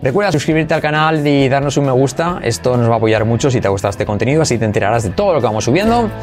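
A man's voice: mid-range voice, lively intonation, a little mellow, soft background music. Playful male English teacher. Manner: playful, jumps between languages, repeats phrases slowly. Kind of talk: English lesson for Spanish speakers.

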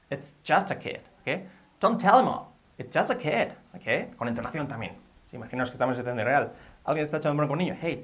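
A man's voice: medium pitch, fairly bright tone. A man from Spain, teaching English phrases in a bilingual lesson, drilling sentences aloud and checking in with frequent "ok?".

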